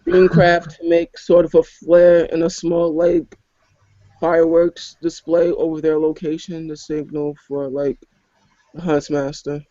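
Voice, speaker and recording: A man playing a tabletop role-play game, speaking haltingly with frequent ums. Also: on the high side, monotone, dark tone, dry recording. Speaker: player. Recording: dry, dull lo-fi recording.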